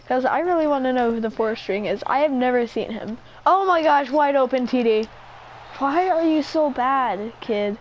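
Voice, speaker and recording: A woman playing a video game and commentating excitedly, shrieking and squealing at every play, with a sore throat. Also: high voice, poor audio. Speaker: gamer. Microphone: headset mic near the ear.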